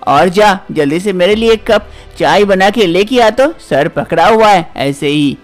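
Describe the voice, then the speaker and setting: A cranky old mother-in-law from a cartoon story scolds her daughter-in-law in a high, sharp voice, as a man puts her on. She waves every worry away and nags without pause. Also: lively intonation, soft background music. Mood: scolding. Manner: scolding, dismissive.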